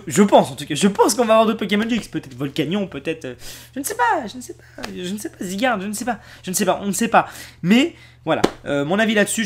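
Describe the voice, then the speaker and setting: A man chatting to his viewers as a video host, animated and repeating himself as he rambles. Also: sits high. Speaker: YouTube card collector host. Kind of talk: casual chat to viewers.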